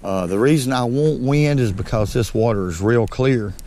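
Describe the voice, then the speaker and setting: This fishing channel host is a middle-aged man from North Alabama with a Southern American accent and a mid-range, dark voice. Fishing from a small boat on a lake, he gives folksy, unhurried commentary, calling his viewers "folks." A head-mounted action camera picks him up with slight background noise.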